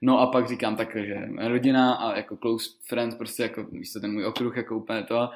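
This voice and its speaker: A man telling loose, rambling stories as a guest, laughing often and filling pauses with lots of small words. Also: mid-range voice, flat delivery. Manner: rambling, laughing, full of fillers. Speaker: guest rapper. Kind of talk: casual storytelling.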